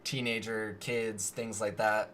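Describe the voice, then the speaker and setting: A man's voice: lowish voice, flat delivery, slow, a bit bright, slight background noise. A man hosting a podcast, chatting casually and musing in a tentative way. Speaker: podcast host.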